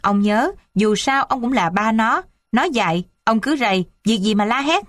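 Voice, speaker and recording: A woman's voice: fairly high pitch, lively intonation, moderate pace, no room sound, clean studio sound, natural voice. A woman voicing a tired middle-aged mother who pleads with and reproaches her family. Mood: reproachful.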